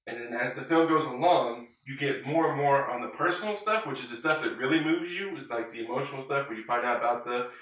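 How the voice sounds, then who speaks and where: Bright-voiced man in a very echoey room. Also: medium pitch, quick pace, hardly any pauses. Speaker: film review panelist. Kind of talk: casual film discussion. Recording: very echoey room, far from mic.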